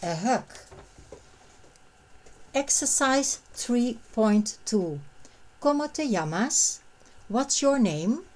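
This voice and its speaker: A woman narrating a scripted language lesson, reading short phrases and translations in a measured, clearly separated way. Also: a little high, animated, a little mellow, poor audio.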